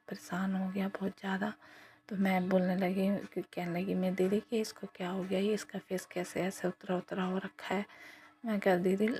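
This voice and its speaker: A middle-aged woman tells a devotional testimony to a congregation, narrating evenly and dropping into soft whispered asides. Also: medium pitch. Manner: flat, even storytelling with soft whispered asides.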